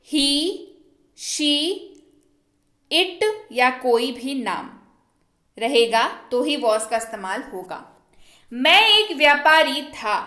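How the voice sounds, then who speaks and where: A woman teaching an English grammar lesson, who asks quick check questions and repeats each example slowly. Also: sits high, fairly bright tone, reverberant.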